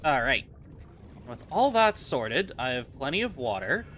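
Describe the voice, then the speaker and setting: A man's voice: medium pitch, very animated, unhurried, a bit bright, slight background noise. A man giving casual gameplay commentary, chatty and self-mocking as he thinks aloud. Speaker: gaming video host.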